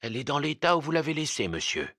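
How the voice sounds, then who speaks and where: A man reading aloud and voicing an older servant woman who answers quietly and deferentially. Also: on the high side, very animated, quick pace, no room sound, studio quality, voice pushed up, heavily acted.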